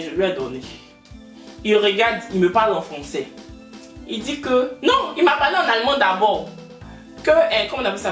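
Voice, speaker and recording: A young woman telling a funny story with animated, acted-out dialogue. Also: mid-range voice, distant mic. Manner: lively, acts out dialogue, laughs mid-story. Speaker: vlogger. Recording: roomy echo, off-mic, faint music.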